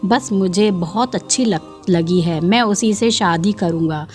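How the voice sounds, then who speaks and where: A woman's voice: on the low side, a little slow, faint music behind, close to an everyday voice. A woman voicing an earnest young male doctor who speaks insistently, as a devoted suitor.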